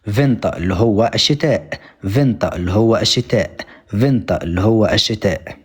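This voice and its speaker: A young man with an Egyptian accent runs a live German lesson, drilling each word several times in a row. His voice sits low and a little husky. He talks quickly and keeps breaking off to thank viewers. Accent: Egyptian Arabic. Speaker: German teacher. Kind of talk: live-stream language lesson.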